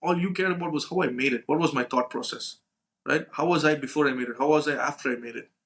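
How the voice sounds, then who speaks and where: Quick-paced and fairly bright, a young man's fairly high voice tells casual anecdotes on a podcast he co-hosts. The talk is slangy and full of profanity, with acted-out exchanges and repeated "right?" tags.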